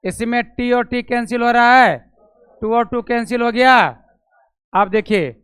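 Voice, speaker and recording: Man, physics teacher, Bihari Hindi accent, high voice, dry close sound, quizzing students. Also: steady tone, measured pace, a bit bright, clean tone, no room sound. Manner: questions students, repeats steps aloud, calls on them by name. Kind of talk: classroom lecture. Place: classroom with students.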